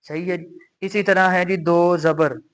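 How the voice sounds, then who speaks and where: Slow, patient man teaching recitation rules. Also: sits high, steady tone. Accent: Pakistani Urdu. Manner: patient, repeats rules step by step, recites examples slowly. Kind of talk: slow explanatory lesson.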